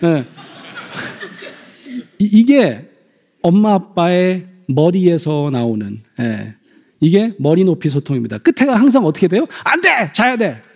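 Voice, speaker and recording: A middle-aged man giving a stage lecture to an audience, animated, acting out parents and children in quoted voices. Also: a little high, unhurried, pauses often, big-room sound.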